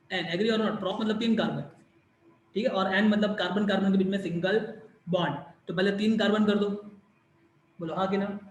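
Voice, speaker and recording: Male tutor, online class, high voice in a roomy space, quizzes and answers his own questions. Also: slight background noise. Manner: repeats questions and answers them himself, mixing in English. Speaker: chemistry teacher.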